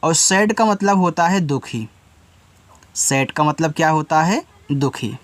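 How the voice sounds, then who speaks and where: A man giving an English lesson step by step, patiently repeating each word and its meaning and spelling letters out slowly. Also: a little high, animated, no echo. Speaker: English teacher.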